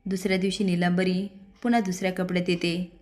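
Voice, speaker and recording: A woman's voice: fairly low pitch, little pitch movement, fast, darkish tone. A woman retelling a TV serial episode, reading every character's lines in her own plain voice. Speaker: serial recap narrator.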